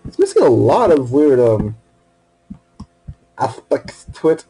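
A man playing a video game alone in a room at his computer, wearing headphones, talking to himself with casual commentary, swearing and bursting into sudden excitement. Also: medium pitch, slow pace, a little hiss or hum, poor audio. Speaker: let's play gamer.

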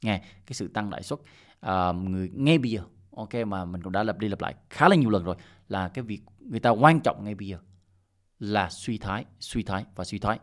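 A middle-aged man with a fairly low voice talks his viewers through market charts in a relaxed, unscripted way. He keeps dropping in "ok" and small hesitation sounds and often circles back on himself. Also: fairly quick. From Vietnam. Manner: loose and repetitive, peppered with "ok" and "à" fillers. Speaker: crypto channel host. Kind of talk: casual screen-share market commentary.

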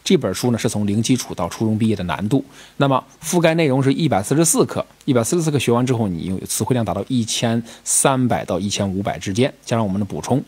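A man's voice: medium pitch, expressive, fast talker, hardly any pauses, darkish tone, slightly rough. A man teaching English vocabulary in a recorded video lesson, explaining patiently and checking in with his students through rhetorical questions.

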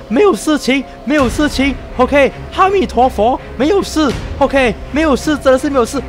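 Jumpy high-voiced male game host. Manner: jumpy, panicky exclamations, sprinkling in English outbursts. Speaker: gameplay host. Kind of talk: excitable game commentary.

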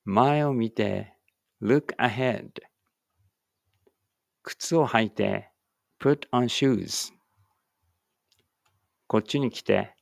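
A male English teacher reads short phrase pairs aloud, each Japanese line followed by its English version, at a very slow, careful pace. His voice has a gravelly texture and sits in an ordinary middle pitch. The recording is close and dry. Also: dry recording.

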